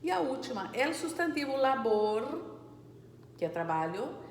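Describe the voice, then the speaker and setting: Brief: woman teacher, fairly high voice, patient, reads vocabulary slowly, long reverb in the room. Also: big pitch swings, a little hiss or hum. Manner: explains patiently, checks understanding with "certo?" and "né, gente?"; reads Spanish words slowly and clearly, switching into Portuguese explanations. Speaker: Spanish teacher. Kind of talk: classroom lesson going over exercises.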